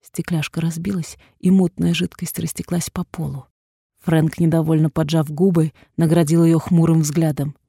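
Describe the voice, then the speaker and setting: Husky woman narrating an audiobook. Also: low voice, flat delivery, moderate pace, no room sound. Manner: intense, dramatic, hushed at times. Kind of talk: first-person audiobook narration.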